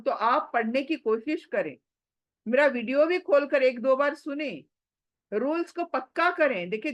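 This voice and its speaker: A high-voiced woman leads an online Quran recitation lesson, quizzing students on words again and again and breaking sounds down one letter at a time. The recording's high frequencies are cut off.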